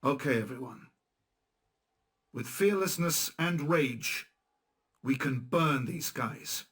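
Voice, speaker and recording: Taking it slowly, a male actor with a mid-range, fairly bright voice and lively intonation plays a dry, blunt resistance leader. He briefs his men sarcastically and matter-of-factly in a game cutscene.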